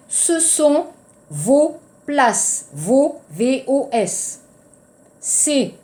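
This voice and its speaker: Slow, high-voiced woman teaching French. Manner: slow, deliberate, repeats words for learners; mixes in Korean terms. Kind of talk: classroom lecture with drills.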